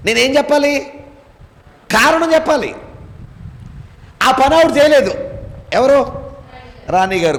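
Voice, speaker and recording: A man with a high voice leads a congregation through scripture as their pastor. He keeps firing questions back at the room and waits for the answers. His voice rings out in a church hall with a long reverb. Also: a bit bright. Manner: quizzes listeners with call-and-response questions. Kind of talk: Bible-study sermon to a congregation.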